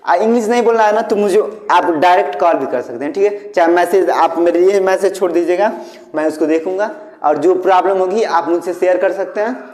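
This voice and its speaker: A man from India gives a casual English lesson with a high voice. He explains patiently with everyday examples and keeps checking in with his listeners. The voice rings around an echoey room with a long tail of reverb. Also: brisk, darkish tone. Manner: explains with homely examples and repeated "theek hai". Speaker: English teacher.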